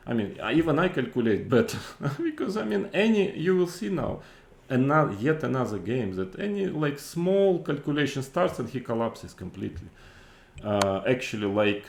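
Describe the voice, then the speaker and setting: A man giving off-the-cuff chess commentary in an exasperated, incredulous, critical way, with halting, repetitive phrasing and rhetorical questions. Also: fairly low pitch, gravelly, a little mellow, echoey room.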